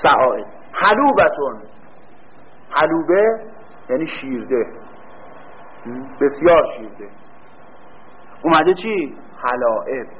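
A man's voice: mid-range voice, very animated. A man giving a grammar lecture, quizzing the class with questions and answering them himself, stretching out key words. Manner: drawn-out stress on key words. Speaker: teacher. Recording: dull lo-fi recording with faint room hum.

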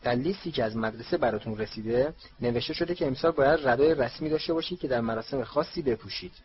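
A bossy middle-aged mother witch who scolds in brisk, clipped bursts, as a male reader puts her on. The voice is pushed noticeably higher than a plain man's reading voice. The recording sounds slightly dull, with a faint hiss underneath. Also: lightly acted. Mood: scolding.

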